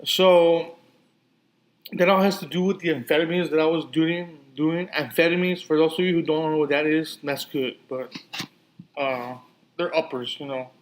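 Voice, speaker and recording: A man's voice: a little high, steady tone, moderate pace, poor audio. A man with a somewhat raised voice and a lisp, hosting a casual solo podcast. His words slur a little as he rambles, circling back on himself with frequent restarts and fillers. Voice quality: lisp and slurred speech. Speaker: podcast host.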